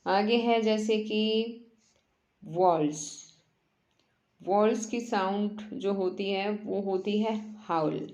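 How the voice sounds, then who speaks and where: Slow-talking woman teacher, echoey room. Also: medium pitch, a little mellow, highs cut off. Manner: explains in Hindi, reads English lines slowly word by word. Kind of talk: workbook lesson explanation.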